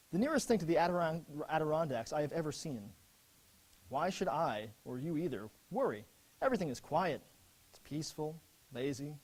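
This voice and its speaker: On a low-quality recording, an actor with a slightly high voice plays an earnest young American lieutenant, reading his letters home from war in a dramatic, expressive way.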